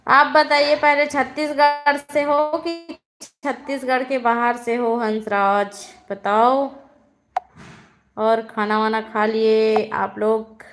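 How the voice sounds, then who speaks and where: A woman's voice: a little high, little pitch movement, slow pace, over music. A woman from Chhattisgarh, hosting a casual live stream and greeting viewers by name. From Chhattisgarh, India. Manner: greets viewers by name and asks where they are from. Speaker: live-stream vlogger host.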